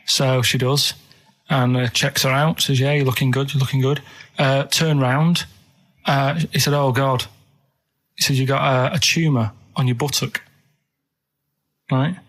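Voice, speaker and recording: In a radio studio, an English man co-hosts a show and rambles through odd stories in casual chat. His medium-pitched voice is steady and a little bright, and he talks a bit slowly with frequent pauses. His manner is earnest, matter-of-fact and colloquial.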